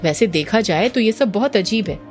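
A woman's voice: mid-range voice, expressive, normal speed, faint music behind, close to an everyday voice. A woman doing Abhimanyu, a teasing young man. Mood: uneasy. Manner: teasing, probing questions.

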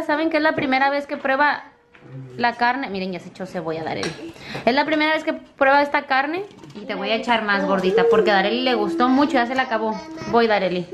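Brief: mom vlogger, chatty, fairly high voice, home camera, faint background hum. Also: female voice. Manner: chatty, warm toward viewers, often calls them "chicas". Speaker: family vlogger, mother. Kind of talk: casual home vlog talking to viewers.

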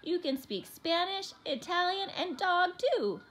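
A doting storybook mouse mother, put on by a woman narrator. She calls and coos in a high, singsong voice that swoops up and down. Faint room sound sits under the reading. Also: sing-song, normal speed, fairly bright tone, a little hiss or hum. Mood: fond praising.

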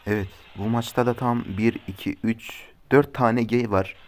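A young man giving casual commentary as he plays a mobile game, often cursing and yelling at rivals. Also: mid-range voice, steady tone, unhurried, soft background music. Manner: swears and shouts at opponents in frustration. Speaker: gaming YouTuber.

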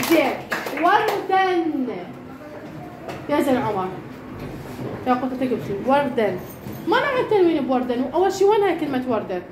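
Casting note: woman teacher, Iraqi Arabic accent, high bright voice that swings up and down, brisk questions to pupils, echoey classroom with noise behind. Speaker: primary school teacher. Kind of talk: classroom lesson, quizzing pupils.

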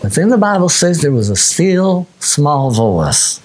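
Man, preacher, folksy sermon, fairly high voice, fervent scripture reading. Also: very animated, measured pace. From Missouri, USA. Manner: folksy, rises to loud fervent scripture reading, drops low for asides. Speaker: pastor.

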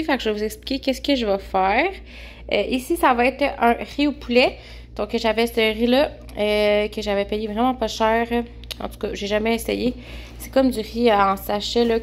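A woman's voice: fairly high pitch, a little hiss or hum. Chatty Québécoise woman with fillers. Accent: Québécois French. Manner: chatty, many fillers and restarts. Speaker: vlogger. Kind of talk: casual meal-prep chat to camera. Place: home kitchen, indoors.

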